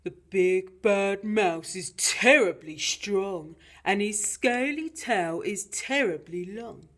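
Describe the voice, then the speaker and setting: A woman plays a big monster dad from a children's storybook. The delivery is slow and weighty, with dramatic emphasis. He sounds boastful and ominous, like a parent giving a grave warning. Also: mid-range voice, fairly bright tone, pitched above the performer's own voice. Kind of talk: children's storybook character reading.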